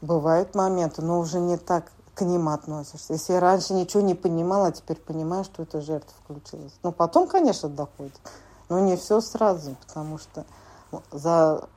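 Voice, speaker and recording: Woman in her 40s sharing at a support group, kinda low, halting with lots of fillers. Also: warm tone. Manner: halting, plain speech with many filler words. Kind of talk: sharing at a recovery group meeting.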